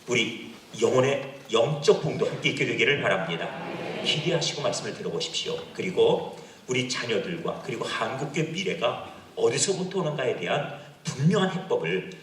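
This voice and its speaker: Earnest pastor man with lively pitch. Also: fairly quick, a little hiss or hum. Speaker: senior pastor. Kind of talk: formal introduction of a guest. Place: church sanctuary. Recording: echoey room, distant mic.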